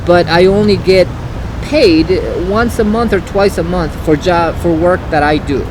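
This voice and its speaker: A man's voice: sits high, measured pace. A man from El Salvador, an actor, talking earnestly in a casual interview and often repeating words as he starts a sentence. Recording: outdoor recording with traffic noise.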